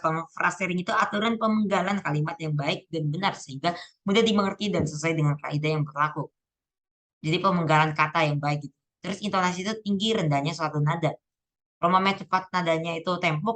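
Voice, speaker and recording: A woman's voice: fairly low pitch, fairly bright tone, poor audio. A teenage girl casually going over exam answers, thinking aloud and often correcting herself. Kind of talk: casual spoken exam walkthrough.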